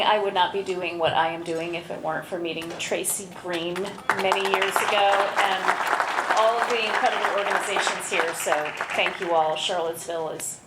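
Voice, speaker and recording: A woman presenting an award at a gala, enthusiastic and brisk, briefly going off script. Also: mid-range voice. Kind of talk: presentation speech. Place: large event hall. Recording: echoey hall, faint room noise.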